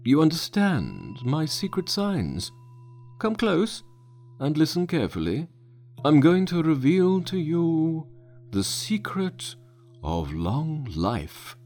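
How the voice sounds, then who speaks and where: A wise old patriarch reciting in slow, drawn-out phrases, as a male narrator puts him on. His voice sits somewhat higher than the reader's own, with a solemn, measured weight. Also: wildly swooping pitch, darkish tone, faint music behind, heavily acted.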